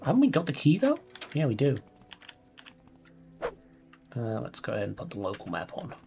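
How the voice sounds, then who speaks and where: In a let's play, a man mutters item names as he reads them off, swearing and chuckling often while he plays. His mid-range voice is creaky and swoops wildly in pitch at a moderate pace, over a noisy background.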